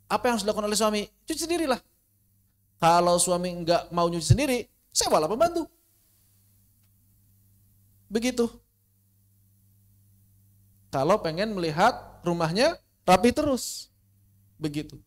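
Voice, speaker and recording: A man teaching an informal religious lesson online, asking rhetorical questions and swinging between quiet asides and animated emphasis. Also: sits high. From Indonesia. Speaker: Islamic studies teacher. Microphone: online class recording.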